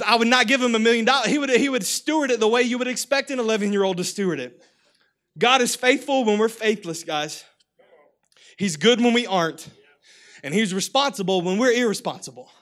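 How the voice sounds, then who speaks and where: A man preaching with lively energy and humor, drawing the congregation into call-and-response. His voice sits high and bright, with a slight hoarseness. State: voice getting hoarse. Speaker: pastor. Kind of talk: sermon.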